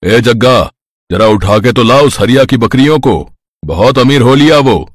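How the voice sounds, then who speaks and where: A man's voice: mid-range voice, lively intonation, unhurried, slight background noise, lightly acted. A man playing a bullying village strongman. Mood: menacing. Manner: bossy, threatening, barking orders. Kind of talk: cartoon voice acting.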